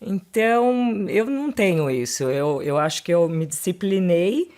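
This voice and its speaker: A woman's voice: fairly low pitch, expressive, measured pace, a little mellow. A woman with a Brazilian Portuguese accent, a lawyer talking fluently as a podcast guest, often adding little tag questions. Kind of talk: casual interview chat.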